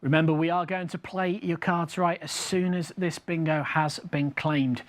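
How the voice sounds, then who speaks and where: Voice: mid-range voice, fairly even intonation, moderate pace. A bingo caller hosting a live game show, chatting casually, repeating each number with its nickname and building suspense. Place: studio. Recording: music behind the voice.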